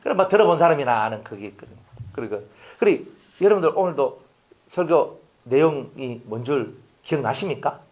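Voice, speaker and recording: A man preaching a sermon, asking the congregation rhetorical questions and swinging from loud to hushed. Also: mid-range voice, animated, fairly quick. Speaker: pastor. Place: church sanctuary.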